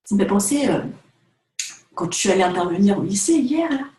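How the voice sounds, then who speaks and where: Woman, vlogger, casual chat to camera, chatty, lots of fillers, lively pitch, echoey room. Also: a little fast. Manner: chatty, animated, direct address with many fillers. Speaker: vlogger, photographer.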